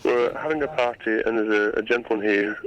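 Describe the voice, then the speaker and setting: A man's voice: on the low side, fairly quick. A man calling for an ambulance from a party, impatient and exasperated with the instructions. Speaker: caller at a party. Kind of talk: emergency phone call. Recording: dull phone line with music.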